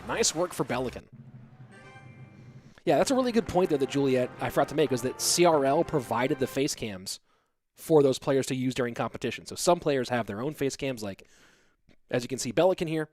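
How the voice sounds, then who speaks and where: Soft background music accompanies a brisk, mid-range voice belonging to a young man whose nose is stuffy with a cold. He works as an esports commentator, casually casting solo and reading chat alongside the play-by-play. Between plays he chats with viewers in a relaxed way and answers their questions.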